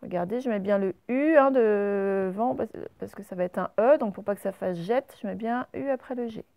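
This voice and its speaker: A woman's voice: medium pitch, no echo, lo-fi sound. Patient French teacher woman, dry sound. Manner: patient, slow and clear, stretching out example words. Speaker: primary school teacher. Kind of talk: recorded spelling lesson for young pupils.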